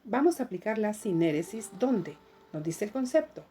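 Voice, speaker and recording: A woman teacher talks through a recorded lesson, slow and patient as she explains each step to students at home. Her voice is dark and mellow, sitting at a middle pitch for a woman. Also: sing-song, a little hiss or hum.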